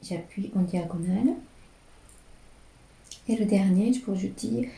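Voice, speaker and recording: Woman slowly walking thru brush strokes, soft mellow voice, echoey room. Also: mid-range voice, vocal fry. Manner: slow, calm, describing each stroke as she writes. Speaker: calligraphy teacher. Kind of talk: step-by-step brush lesson.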